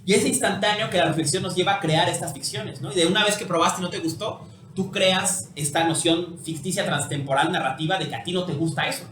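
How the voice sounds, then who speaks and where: A man with a Mexican Spanish accent giving a philosophy lecture in an animated way, ending many phrases with tag questions. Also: high-pitched, a little fast. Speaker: philosophy teacher. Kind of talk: university lecture. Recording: echoey room with faint noise.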